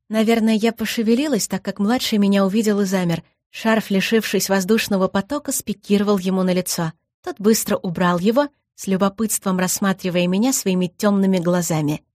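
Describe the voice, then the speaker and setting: A woman narrating a fantasy story in the first person as an audiobook reader, in a lively, expressive way. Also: medium pitch, a little fast, dry recording, clean studio sound.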